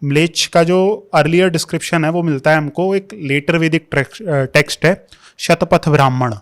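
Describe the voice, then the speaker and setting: A man's voice: fairly high pitch, moderate pace. Explaining man, raised voice. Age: young adult. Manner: explains at length, mixing English terms into Hindi. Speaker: history scholar guest. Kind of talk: explanatory podcast conversation.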